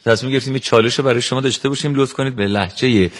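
Guy hosting a comedy contest, friendly, quick little asides. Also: mid-range voice. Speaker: show host.

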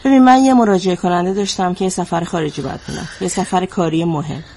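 An actress playing a female therapist who asks calm, probing questions. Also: lowish voice, slight background noise, lightly acted. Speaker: psychologist. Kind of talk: drama dialogue.

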